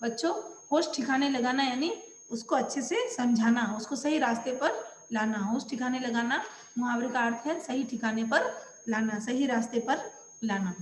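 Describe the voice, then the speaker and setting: A woman's voice: on the high side, normal speed, roomy sound, long reverb tail, a little hiss or hum. A woman teacher explaining a play to schoolchildren, stopping to define words one by one. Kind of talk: explaining a school lesson to children.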